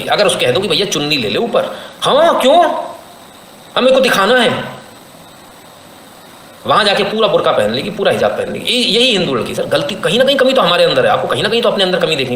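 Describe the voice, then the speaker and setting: A man's voice: high voice, big pitch swings, fast talker, bright, forceful tone, echoey room, slight background noise, rough recording. A man doing live commentary on a stream and reading viewer comments, talking emphatically with rhetorical questions and sarcastic laughs.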